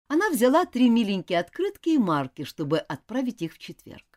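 A woman's voice: on the high side, big pitch swings, brisk, darkish tone. A woman narrating a children's storybook aloud, voicing all the characters expressively.

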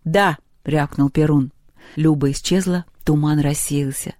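A storyteller reading a tale aloud in an even, lively way. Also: mid-range voice, moderate pace, no room sound, clean studio sound. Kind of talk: storybook narration.

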